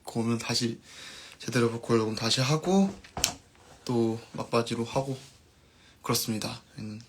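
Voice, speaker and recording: A man, a band musician, chatting casually on his live stream and reading viewer comments aloud, his sentences trailing off softly at the ends. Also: medium pitch, moderate pace, a little hiss or hum.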